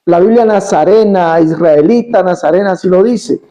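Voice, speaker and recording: A man's voice: high voice, normal speed, mellow, lightly acted. A man voicing a stubborn woman churchgoer who insists and repeats her denials. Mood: insistent.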